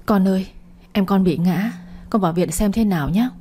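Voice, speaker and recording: A woman's voice: medium pitch, normal speed, dark tone, a little hiss or hum, close to an everyday voice. A woman voicing a cunning stepmother who speaks in a choked, falsely tender way.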